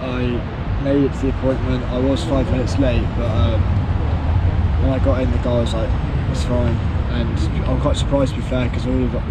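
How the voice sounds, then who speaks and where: A young man chatting casually into an action camera as he skates and walks through city streets, with lots of fillers and restarts. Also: mid-range voice. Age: young adult. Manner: chatty, filler-heavy, talking while skating and walking. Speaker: vlogger. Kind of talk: casual vlog narration. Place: outdoors on city streets, in a car and on trains. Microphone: action camera held close. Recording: loud street and traffic noise.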